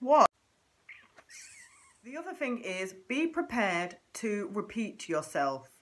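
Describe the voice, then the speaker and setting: A woman's voice: mid-range voice, very animated, takes it slowly, a bit bright. A woman from Manchester with a Mancunian accent, chatting playfully to camera in a comedic vlog. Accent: Mancunian English. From Manchester, England. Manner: playful, with exaggerated mimicry of others. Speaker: vlogger.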